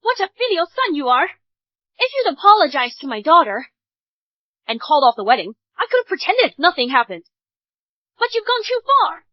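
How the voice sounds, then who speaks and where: An indignant mother defending her daughter. Her voice is very high and expressive. The sound is dry and muffled. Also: moderate pace, pauses often, no room sound. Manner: firm, indignant. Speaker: bride's mother. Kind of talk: English drama dub. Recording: dull dry studio dub.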